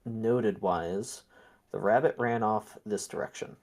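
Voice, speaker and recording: A man's voice: fairly low pitch, measured pace, darkish tone. A man narrating as game master in a tabletop game, easygoing and descriptive.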